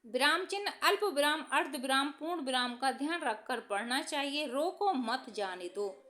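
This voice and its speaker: A woman teacher reading exam answers aloud from study notes in a steady, dictation-like way, announcing each question number. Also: high voice, moderate pace.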